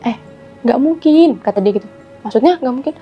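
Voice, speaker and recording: Woman, casual storytelling, animated, fast, somewhat dull recording. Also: sits high, faint music behind. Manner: animated, acts out quoted voices, keeps saying "gitu". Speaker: guest telling ghost stories.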